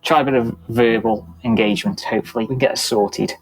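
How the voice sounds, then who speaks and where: A middle-aged man, a police officer recounting a night shift in a documentary interview, in a steady, matter-of-fact way. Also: medium pitch, quick pace, loud music behind the voice, poor audio.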